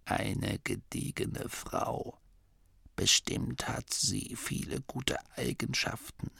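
A man voicing a frail, dying old gnome abbot who can barely speak above a breathy whisper. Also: mid-range voice, slow, pushed and bright, no echo, exaggerated voice. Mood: weary. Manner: faint breathy whisper, weary and dry-witted.

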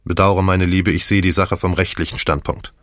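A stiff, principled lawyer, as a male narrator puts him on, dropped a little lower than the storyteller's voice. He is dry and firm with no flourish. It is a storybook character read aloud. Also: little pitch movement, moderate pace, a bit bright, dry recording. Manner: dry, firm, matter-of-fact.

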